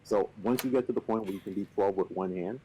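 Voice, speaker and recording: A man on a video call casually explaining a game, relaxed and playfully boastful, with lots of fillers. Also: on the low side, fast, slight background noise, poor audio. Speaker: company representative teaching the game. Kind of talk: casual chat on a stream.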